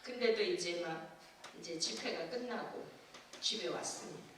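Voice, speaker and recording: A woman pastor preaching a sermon, telling a personal testimony with lively acted-out scenes and frequent laughter. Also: on the low side, normal speed, slight background noise. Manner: animated testimony storytelling, acting out scenes, laughing often. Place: church sanctuary. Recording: echoey church from far off.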